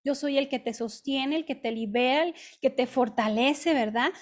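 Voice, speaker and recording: A high-voiced Mexican woman preaches devotionally as a women's ministry speaker, talking at normal speed. Her manner is conversational, with frequent "¿sí?" check-ins and "este" fillers.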